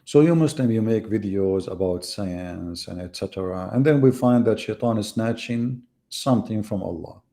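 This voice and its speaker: A man with a low, gravelly, mellow voice hosts a live religious debate, offering mocking, casual commentary. He talks at a normal speed with few pauses, teasing sarcastically and tossing out rhetorical questions.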